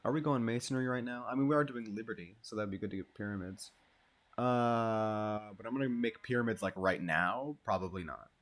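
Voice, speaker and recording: A man narrating his own strategy game session in loose, casual commentary. He is laid-back and self-deprecating and swears freely, with a somewhat low voice. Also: fairly quick, fairly bright tone. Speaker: gaming channel host.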